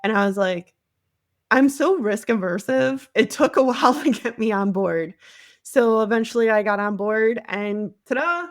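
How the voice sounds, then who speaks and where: Speaking at a normal speed with a slightly high voice, an American marketing agency CEO from the Cleveland area tells her personal story as an interview guest on a podcast. She's candid and conversational, often acting out people's words, and the studio-quality recording has no room sound.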